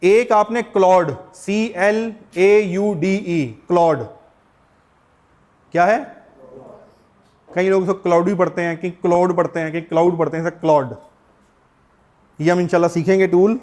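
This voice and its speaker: A middle-aged Pakistani-accented man lectures a class in a high voice. He explains things step by step. He keeps stopping to put questions to his students. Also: steady tone, moderate pace, pauses often, darkish tone. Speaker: teacher.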